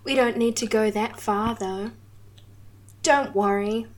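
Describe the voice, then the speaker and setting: Breathy high-voiced snake lady, slow and clingy, sweet and seductive, a woman putting her on in an audio role-play. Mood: longing. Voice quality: breathy, soft and adoring. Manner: slow, lingering and affectionate. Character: doting seductive female snake-woman monster.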